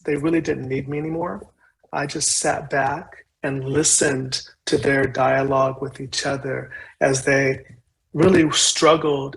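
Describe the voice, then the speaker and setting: A man giving an earnest, measured talk as a conference presenter, pausing as he speaks. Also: medium pitch, vocal fry, fairly bright tone, rough recording. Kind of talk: reflective presentation.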